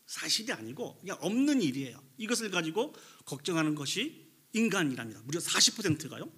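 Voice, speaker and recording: A man's voice: sits high, sharp tone, husky. A man preaching a sermon as pastor in a church, telling a story and asking the congregation questions. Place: church sanctuary.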